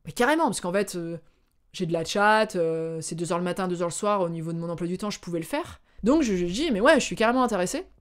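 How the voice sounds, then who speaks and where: A woman from France telling a personal story to her viewers in a casual, animated way, often pausing on filler sounds. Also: lowish voice. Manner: chatty, animated, acts out dialogue; hesitant with frequent filler sounds. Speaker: vlogger.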